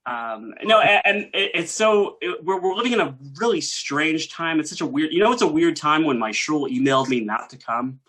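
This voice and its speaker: A man's voice: on the high side, expressive, normal speed, few pauses, a bit bright, low-quality recording. A man doing a rambling, self-deprecating stand-up set over a video call. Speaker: stand-up comedian.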